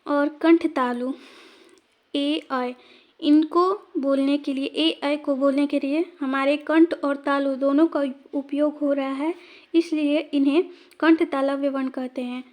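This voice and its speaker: A woman teacher leads an exam-prep lesson, sounding out letters one by one and asking viewers to say them aloud. Her voice sits high, her pace is slow and measured, and her tone stays even with little rise and fall.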